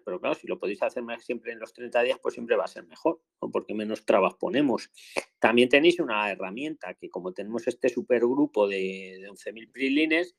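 A man with a gravelly Spain Spanish accent hosts a live call-in Q&A. He gives advice at a fast, chatty pace and repeats key phrases for emphasis. His voice sits in a middle pitch. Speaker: asylum advice host.

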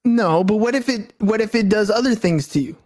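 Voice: medium pitch, a little fast, a little mellow. A speaker in a casual debate who talks hesitantly, asking questions and often restarting sentences. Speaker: conversation partner.

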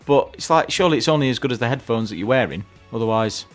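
A mid-pitched man co-hosts a radio show in easy, casual chat. He trades dry, wry remarks with his partner. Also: expressive, quick pace, faint music behind. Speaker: radio co-host.

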